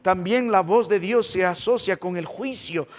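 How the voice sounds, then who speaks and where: A man with a Peruvian Spanish accent preaching a sermon as pastor, rising into loud, impassioned reading. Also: sits high, measured pace, big-room sound. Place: church.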